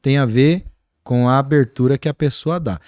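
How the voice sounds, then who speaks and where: A man with a Brazilian accent, a guest pastor talking in an animated, preaching-like way on a podcast. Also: medium pitch, normal speed, no room sound, studio quality. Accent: Brazilian Portuguese. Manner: animated, acts out quoted voices.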